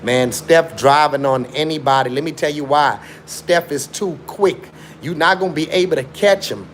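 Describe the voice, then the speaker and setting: Moderately paced and a little high, with a slight hiss or hum, the voice belongs to a young livestream host who grew up in South Africa after being born in Chicago. He argues his point casually but emphatically, repeating himself and using slang.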